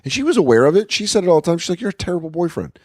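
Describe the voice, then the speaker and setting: This thirties-aged comedian has a slightly high, sing-song voice with a darkish tone, and he races along. The sound is clean studio quality without echo as he guests on a casual podcast from an apartment, sharing candid, profane stories with acted-out quotes.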